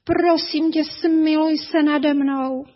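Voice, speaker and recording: A woman voicing a young male tiger in a storybook tale, pleading in a slow, drawn-out way. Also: high voice, steady tone, voice pushed up, natural voice. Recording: dull lo-fi recording.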